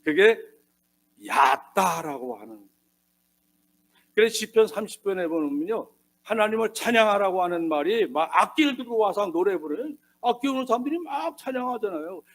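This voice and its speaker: A man preaching a sermon as a pastor, swinging between hushed asides and loud emphatic bursts and acting out the voices he quotes. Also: high voice, expressive, moderate pace. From South Korea.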